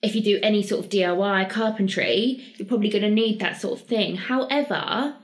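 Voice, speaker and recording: Young woman, British accent, podcast co-host, average pitch, chatty and explanatory. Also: fairly quick. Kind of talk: casual conversational chat.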